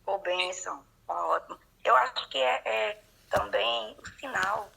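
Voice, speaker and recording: A voice heard through a call connection, coming from a participant in an online study group. It sounds gravelly and husky, with a bright edge. The talk is casual, relaxed and reassuring. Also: mid-range voice, measured pace, low-quality recording. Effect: remote voice coming through a call connection. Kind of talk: casual chat.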